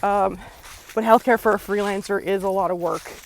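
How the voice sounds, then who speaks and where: A woman's voice: mid-range voice, steady tone, moderate pace, creaky, a little hiss or hum. Out of breath woman rambling into an off the cuff vlog, swears a bit, outside on a scooter. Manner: rambling, candid, swears casually. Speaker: freelancer vlogger. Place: outdoors riding a kick scooter.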